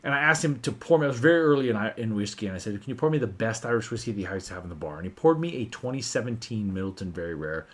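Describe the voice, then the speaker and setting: A man hosting a casual whiskey livestream, animated and swearing freely as he tells stories. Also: on the low side, rapid-fire, few pauses.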